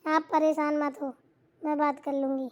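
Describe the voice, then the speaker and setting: A woman's voice: high-pitched, little pitch movement, darkish tone. A woman voicing a bossy, meddling young sister-in-law in a cartoon, giving orders and advice. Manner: quick, bossy, advising. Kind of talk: cartoon voice acting.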